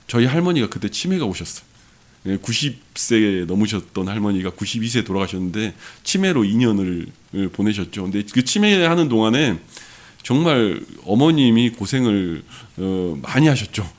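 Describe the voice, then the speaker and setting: A middle-aged pastor from Jeolla, South Korea, preaches with a lowish, very animated voice at a moderate pace. He tells a personal story, putting earnest rhetorical questions to the congregation.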